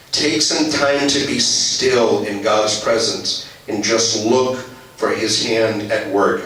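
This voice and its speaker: A man preaching a sermon as pastor, slowing down and dropping his voice softly on key phrases. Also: medium pitch. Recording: very echoey church hall, voice from a distance.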